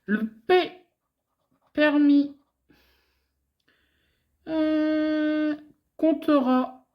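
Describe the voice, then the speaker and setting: A woman's voice: high voice, fairly even intonation, very slow, muffled recording. A woman with a French accent from France, hosting a scratch-card video and chatting casually to her viewers as she goes. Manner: chatty, talks to viewers, repeats letters in sing-song runs. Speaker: host scratching lottery tickets. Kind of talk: casual play-by-play commentary.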